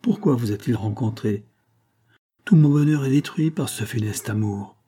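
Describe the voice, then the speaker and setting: A man's voice: medium pitch, moderate pace, mellow, natural voice. A man voicing an anxious, tearful older mother in an audiobook reading, speaking in a pleading, emotional way. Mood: distraught.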